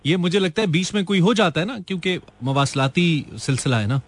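A man's voice: fairly high pitch, animated, fairly quick. A man from Pakistan with a Pakistani Urdu accent, hosting a call-in radio show in a joking, teasing way and mixing in English phrases. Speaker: radio host.

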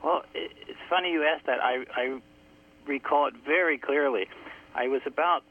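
A man's voice: on the high side, normal speed. Man on a crackly, tinny phone line. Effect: crackly phone line that fades in and out. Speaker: guest author. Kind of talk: phone-in radio interview. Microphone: telephone.

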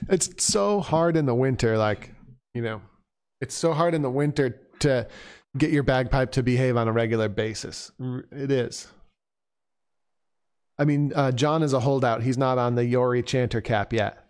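A man talks through his notes on a piping performance in a loose, conversational way, drifting off on side thoughts. His voice is smooth and clear, at a middling pitch. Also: moderate pace, a little mellow. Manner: conversational and digressive, thinking aloud. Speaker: bagpipe instructor. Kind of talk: casual spoken performance critique.

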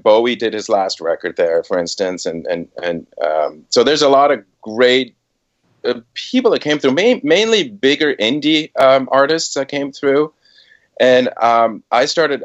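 A middle-aged Swiss music producer tells the story of his career in a casual podcast interview, hesitating often and filling gaps with fillers. His voice is on the low side and the sound is lo-fi.

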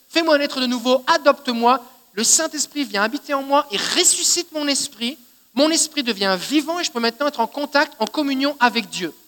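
A man's voice: extremely high pitch, pushed and bright. A male pastor with a Québécois French accent preaching a sermon in a conversational teaching manner, often checking in with his listeners. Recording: long hall reverb.

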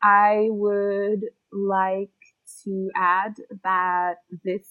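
A woman's voice: mid-range voice, level tone, extremely slow, smooth, narrow, tinny audio, soft background music. A young woman from Sudan co-hosting a podcast, casual and hesitant, with fillers and swearing. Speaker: podcast co-host.

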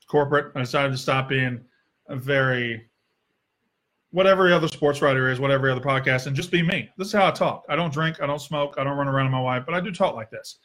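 A man's voice: medium pitch, fairly bright tone. A man hosting a sports podcast, ranting in a heated, sarcastic way and swearing freely. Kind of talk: opinionated sports rant.

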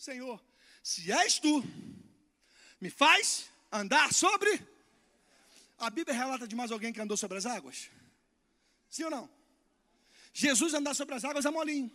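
A man with a Brazilian accent preaching a sermon in a church as guest preacher, swinging from soft to shouting and calling for responses from the congregation. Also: sits high.

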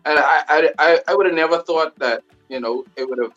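A man's voice: a little high, brisk, a bit bright, dull audio, faint music behind. A man from the Bahamas with a Bahamian accent, a new artist talking loosely over a video call, full of fillers. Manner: loose and rambling, many fillers. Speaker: new recording artist, guest. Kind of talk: casual interview chat.

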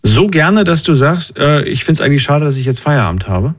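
A man's voice: a little high, sing-song, fairly quick. A man in his thirties hosting a call-in show, chatting casually and asking probing questions, often repeating himself as he starts them. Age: 30s. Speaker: radio call-in host. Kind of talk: casual phone-in chat.

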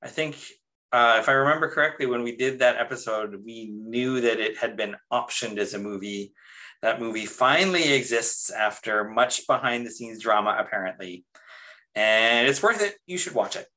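A man's voice: medium pitch, moderate pace, bright, forceful tone, low-quality recording. A man co-hosting a casual book-club podcast, explaining at length and using lots of "like". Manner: talkative, explanatory, heavy on "like". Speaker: podcast co-host.

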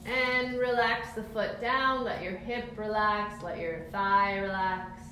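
A woman instructor leading a calm guided grounding exercise, giving soothing, encouraging step-by-step cues for relaxing the body. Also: mid-range voice, takes it slowly. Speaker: movement and mindfulness instructor. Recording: very echoey room, faint background noise.

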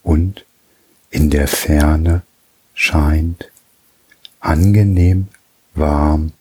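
A man guiding a relaxation journey in a soft, soothing way, with long pauses between phrases. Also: very deep voice, husky, rough recording. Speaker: meditation guide.

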